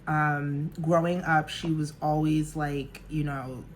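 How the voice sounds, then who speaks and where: Bubbly thirties woman, lower voice, vlogging at home with faint background hiss. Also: flat delivery, slow. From New Jersey. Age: 30s. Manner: bubbly, chatty, laughs often. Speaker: makeup artist and vlogger. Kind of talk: casual get-ready-with-me chat.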